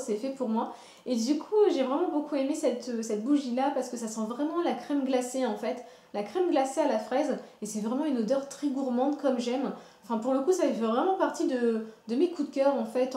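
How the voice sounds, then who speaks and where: A woman's voice: high-pitched, warm tone, reverberant. A woman vlogger chatting casually through a product review, gushing and repeating herself with many fillers. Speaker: beauty vlogger.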